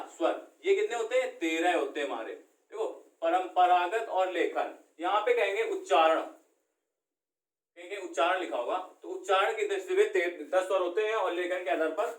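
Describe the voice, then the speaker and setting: High-voiced male teacher in an echoey room. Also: normal speed. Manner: asks questions and answers them himself. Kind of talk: classroom lesson. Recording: echoey room, far from the mic.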